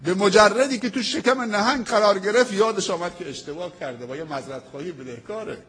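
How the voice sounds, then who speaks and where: Husky high-voiced male preacher. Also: fairly bright tone. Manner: emphatic storytelling preaching with dramatic pauses, quoting prayers slowly. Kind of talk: sermon.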